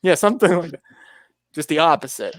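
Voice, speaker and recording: A man's voice: a little high, a little fast, no echo. A man hosting a casual motorsport podcast, talking in a rambling, anecdotal way with many restarts. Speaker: podcast host.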